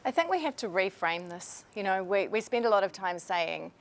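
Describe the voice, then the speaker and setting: A woman's voice: mid-range voice, animated, moderate pace. A woman speaking earnestly and persuasively in a leadership webinar, now and then moved with emotion. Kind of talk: motivational webinar talk.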